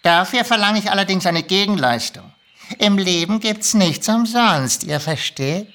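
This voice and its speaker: An actor voices a grumpy, sly kobold in a lively audiobook reading, an ancient magical male creature who makes deals. His voice is sharp and forceful, its pitch and intonation swinging up and down. He bargains with sly nonchalance, lectures, and gets irritated fast.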